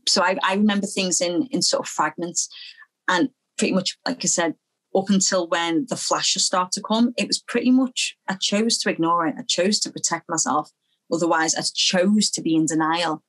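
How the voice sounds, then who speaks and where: A young woman from Liverpool, speaking as an interview guest, earnest and halting, often repeating phrases as she recalls her past. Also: fairly low pitch, fairly bright tone, rough recording. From Liverpool, England. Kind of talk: personal testimony in an interview.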